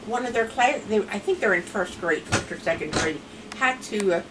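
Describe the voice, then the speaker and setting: Captured by a distant microphone amid clear background noise, an elderly woman in her seventies shares family stories at home during an interview. She has a Pennsylvania Dutch accent and a medium-pitched, expressive voice at normal speed, chatting and rambling like a grandmother.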